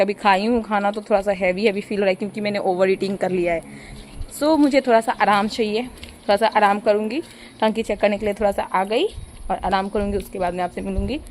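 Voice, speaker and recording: A woman's voice: mid-range voice, a little hiss or hum. A woman chatting casually to her viewers in a daily vlog, calling them guys, from a rooftop in the rain. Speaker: vlogger.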